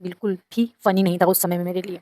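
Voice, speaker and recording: A woman telling a personal story in a casual, dramatic way. She sounds indignant and adds lively asides to her listeners. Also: on the low side, quick pace, no echo.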